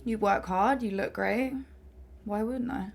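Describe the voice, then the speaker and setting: A woman's voice: medium pitch, slow, creaky, crowd noise. A young woman, frank and laid-back as a guest in a casual chat. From England.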